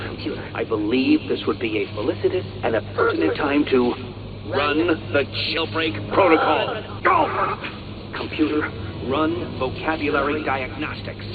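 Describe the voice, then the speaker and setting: An actor playing an arrogant, petulant genius video game villain, pompous, wordy and theatrical in manner. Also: male voice, on the high side, lightly acted. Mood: exasperated pomposity. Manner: pompous, verbose, pedantic, theatrical. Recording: dull game capture under loud music.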